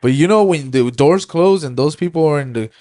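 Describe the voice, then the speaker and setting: A man's voice: fairly high pitch, expressive, warm tone. Young man cracking profane jokes. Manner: joking, profane, quick quips. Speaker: podcast co-host. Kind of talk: casual podcast chat.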